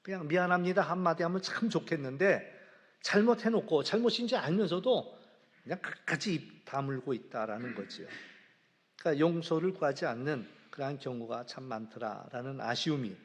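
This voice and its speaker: A man preaching a sermon as pastor, telling the story with lively swings in voice and acting out the characters' lines. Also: a little high, normal speed. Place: church sanctuary. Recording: long church reverb.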